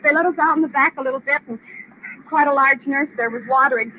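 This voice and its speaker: Talking fast in a high-pitched voice, a distressed American woman in her 40s pleads and rambles repetitively, clearly agitated. She's outside at a gas station, caught on a dull, noisy old field recording.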